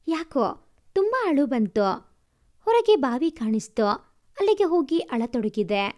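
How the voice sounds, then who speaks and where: A woman narrating a first-person family story, taking on the people's lines with a lively delivery. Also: high-pitched. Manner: lively, swings from tearful to scolding.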